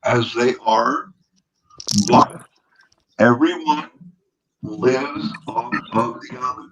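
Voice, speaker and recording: A man's voice: mid-range voice, drawn-out words, a crowd in the background. A man on a panel call whose voice sounds hollow and muffled, as if he were inside a barrel, repeating his point insistently. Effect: muffled, hollow sound as if talking inside a barrel. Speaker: panelist on a live online call. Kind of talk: casual panel debate.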